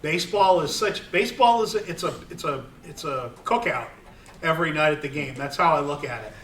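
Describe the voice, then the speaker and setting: Middle-aged man, slightly high voice, chatty and rambling, caught from across an echoing room. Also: expressive, brisk, a bit bright, a little hiss or hum. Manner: rambling, with many fillers and restarts. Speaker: sports photographer giving a talk. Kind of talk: casual talk to an audience. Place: room with an audience. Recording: roomy, distant recording.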